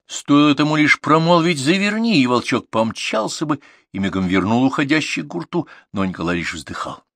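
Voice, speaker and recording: A man reading short stories aloud as an audiobook narrator, in an expressive storytelling manner. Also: medium pitch, brisk, no room sound. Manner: expressive, story-telling delivery. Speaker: audiobook reader.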